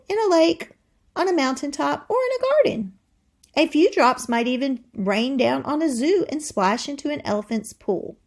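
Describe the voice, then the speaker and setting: Reading a science book aloud, this woman speaks slowly in a slightly high, creaky voice. Her tone is instructive as she breaks off to explain things and pose questions to the listener.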